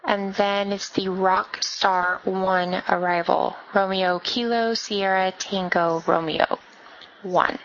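A woman working as an air traffic controller, reading clearances over the radio in brisk, clipped phraseology. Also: mid-range voice, fairly even intonation, fairly bright tone. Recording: dull band-limited radio audio.

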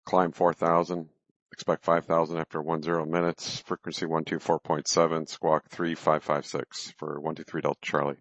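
A man's voice: a bass voice, monotone, normal speed, a bit bright, no room sound. A man talking as a pilot over a cockpit headset radio, making clipped, methodical radio calls and readbacks with small hesitations. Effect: pilot transmitting over a cockpit headset radio. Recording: dull, dry radio transmission.

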